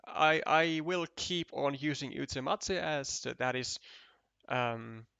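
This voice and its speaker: A man's voice: a little high, slow, vocal fry, sharp tone, clean tone, no room sound. A man commentating a competitive board game match, thinking aloud, counting tiles and often restarting his sentences. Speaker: esports commentator.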